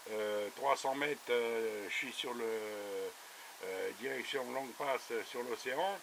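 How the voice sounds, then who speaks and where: A man with a medium-pitched voice speaks slowly and casually as a radio operator on a two-way radio, chatty and full of small verbal tags. The transmission is noisy and buzzing.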